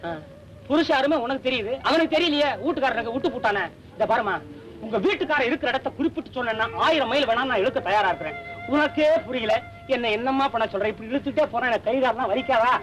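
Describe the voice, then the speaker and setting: A fast-talking joking working man. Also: a bit bright, reverberant, rough recording. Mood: teasing. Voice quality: high, quick comic patter. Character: chatty, teasing working-class man, kind-hearted. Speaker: comic working man pulling a cart. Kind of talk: 1960s film comedy acting.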